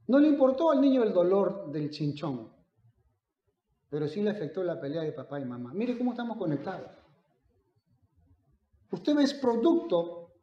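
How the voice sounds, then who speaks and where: A male pastor preaching with a high, mellow voice. He swings between loud emphatic declarations and hushed storytelling. The sound is dull and lo-fi, in an echoey room. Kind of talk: sermon.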